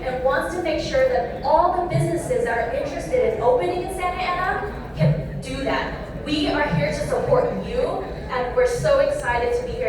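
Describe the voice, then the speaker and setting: An eager woman in her thirties answers questions on a panel in a high, lively voice. She stands back from the mic in a big, very echoey room. A crowd murmurs behind her. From born in Thailand, raised in Southern California. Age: 30s. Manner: upbeat, eager, talks through lists. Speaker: city council member. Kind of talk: panel discussion remarks. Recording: echoey hall, distant mic, crowd noise.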